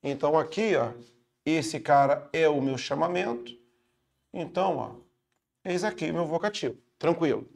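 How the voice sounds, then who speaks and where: A man's voice: on the high side, moderate pace, vocal fry, darkish tone. A man with a Brazilian Portuguese accent teaching a casual online grammar lesson, chatty and upbeat, checking in with his students after every point.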